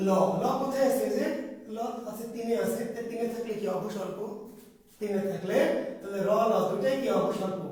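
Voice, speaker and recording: A man's voice: high-pitched, a little mellow, far from the mic. A man teaching an exam preparation class, who keeps asking a question and then answering it himself. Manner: repetitive quizzing, asks and answers himself. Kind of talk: classroom lecture. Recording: echoey room, voice from off mic.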